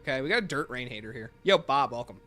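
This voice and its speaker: A man's voice: medium pitch, expressive, fast talker, sharp tone, faint music behind. A man hosting a livestream, giving opinionated casual commentary and answering chat messages aloud. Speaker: livestream host.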